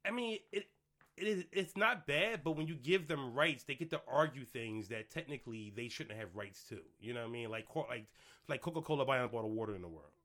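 Forties male co-host, opinionated and lively, bright tone. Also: mid-range voice, a little fast. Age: 40s. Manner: opinionated, lively, loud laughs. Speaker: podcast co-host. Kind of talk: casual chat.

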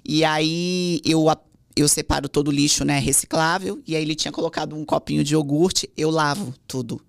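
Gravelly Brazilian woman telling a story. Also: deep voice, fairly even intonation, a little fast. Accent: Brazilian Portuguese. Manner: emotional, quotes others in acted voices. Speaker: guest. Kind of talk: personal storytelling.

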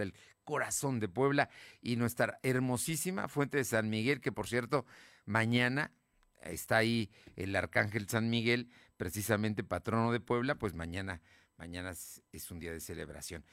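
A man's voice: medium pitch, a bit bright, no echo, studio quality. A man anchoring a radio newscast in a conversational way, handing off to his reporters. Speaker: news anchor. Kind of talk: radio news hosting.

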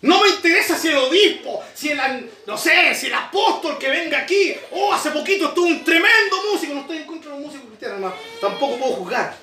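A man preaching a sermon to his congregation, emphatic, with sudden shouts and slow repeated lines. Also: very high voice, expressive, roomy sound. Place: church.

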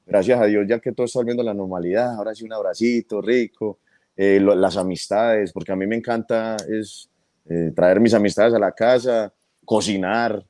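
A man with a Colombian paisa accent chats as a guest on an interview show. His voice sits low and mellow, and the sound is dry and close. He laughs often and repeats his words as his thoughts catch up. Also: fairly even intonation, normal speed, no room sound. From United States. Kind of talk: casual interview chat.

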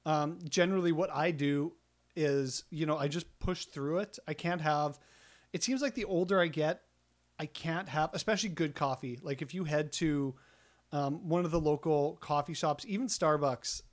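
A man's voice: on the high side, moderate pace. Rambling middle-aged man podcast co-host. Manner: rambling, self-deprecating, many restarts and ums. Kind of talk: casual podcast chat.

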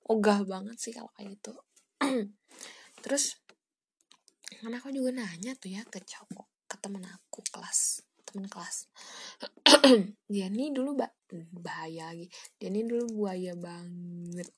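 Teen girl, 17, solo podcast host, casual rambling, half-whispered, gravelly fry, recorded at home. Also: medium pitch, a little slow, long pauses. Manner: soft, half-whispered rambling with many fillers.

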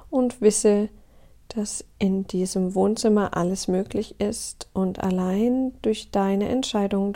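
Woman doing guided meditation, really slow n calm, husky almost whispery, lots of creak. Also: mid-range voice. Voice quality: breathy, husky, often near a whisper. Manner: slow, calm, soothing, with deliberate pauses. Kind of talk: guided meditation, soft and breathy.

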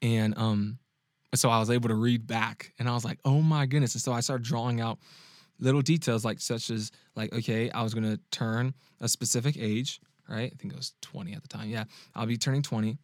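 A man's voice: medium pitch, brisk, no room sound. A man with an ordinary mid-range voice shares a personal story on his podcast, recorded dry with no room sound. He talks casually and animatedly, chuckles often and stumbles into restarts as he goes. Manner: animated, laughs often, frequent restarts and check-ins with the listener. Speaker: podcast host and dating coach.

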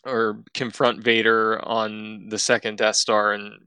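A man's voice: on the low side, level tone, a little slow, bright, forceful tone, clean tone, dry recording. A man co-hosting a podcast, chatting in an easygoing way with stammering restarts. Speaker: podcast co-host. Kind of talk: casual chat.

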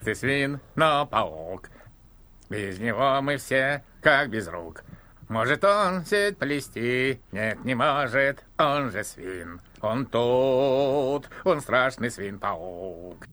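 A man's voice: mid-range voice, lively intonation, extremely slow, pushed and bright, exaggerated voice. A man voicing a goofy cartoon dad who sings a silly song in a comic singsong, in a cartoon dub. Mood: silly singing. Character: goofy cartoon dad singing about a pig.

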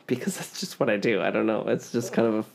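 A Canadian-accented podcast host from Ontario chats casually and tells stories, playfully stressing certain words. His voice is medium in pitch, quick, and creaky.

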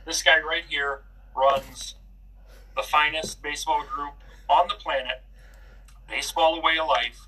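A man's voice: fairly high pitch, fairly even intonation, a little slow, pauses often, sharp tone, breathy edge, distant mic, poor audio. A man hosting a casual baseball podcast, chatty and loose, with many filler words. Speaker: podcast host. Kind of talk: casual sports podcast chat.

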